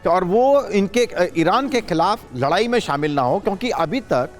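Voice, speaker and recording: A man commenting as a guest analyst on a live news show, talking in a halting way with many hesitations and restarts. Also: high-pitched, expressive.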